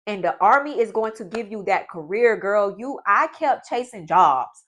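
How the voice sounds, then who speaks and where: A woman's voice: mid-range voice, expressive, normal speed, fairly bright tone. A woman, giving a blunt, profane motivational pep talk in a vlog. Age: 20s. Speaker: vlogger.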